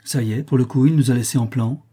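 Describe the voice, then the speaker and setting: A man's voice: medium pitch, fairly even intonation, fast talker, dark tone, husky, close to an everyday voice. A man reading the part of a sour young son who grumbles and complains. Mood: grumbling.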